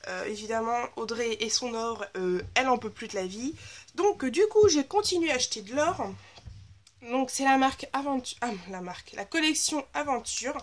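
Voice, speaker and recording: A woman's voice: fairly high pitch, animated, moderate pace. A woman with a slightly blocked, nasal voice, chatting enthusiastically in a casual haul video about her new craft supplies. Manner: chatty and enthusiastic, gushing over purchases. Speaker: scrapbooking vlogger.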